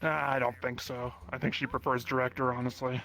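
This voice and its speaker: A man's voice: medium pitch, level tone, a little fast, vocal fry, pushed and bright, low-quality recording. A man playing an unbothered, evasive magic insider in an online role-play, laconic and matter-of-fact. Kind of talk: improvised in-character role-play chat in an online game.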